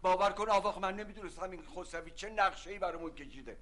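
A flustered, blustering husband. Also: male voice, high voice, fairly bright tone. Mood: pleading. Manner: pleading then blustering. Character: flustered middle-aged husband caught in a family feud. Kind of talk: TV drama acting.

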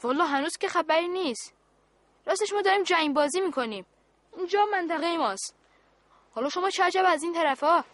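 A woman voicing a young boy who leads his friends' war game, in a radio play, talking in a calm, polite, commanding way. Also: very high voice, no room sound.

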